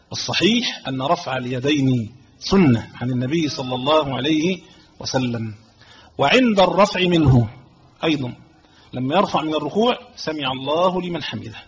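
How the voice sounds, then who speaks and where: An Egyptian-accented man gives a religious lesson on a fiqh text, his voice set a little high. He reads each line of the book and then explains it patiently, repeating key phrases. The audio is slightly dull, with a faint hiss behind it. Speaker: sheikh teaching a fiqh text.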